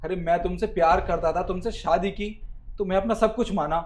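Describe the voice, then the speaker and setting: A man's voice: high voice, fairly quick, natural voice. A man playing a wronged husband who protests and pleads to be believed. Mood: pleading.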